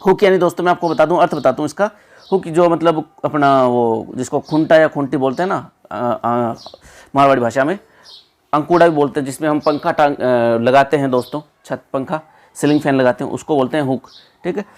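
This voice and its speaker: A man's voice: fairly high pitch, fairly quick. A man, teaching as an exam prep tutor and explaining the answers step by step. He keeps repeating words and checks in with his listeners again and again. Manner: repetitive, checks in with 'theek hai' and 'doston'.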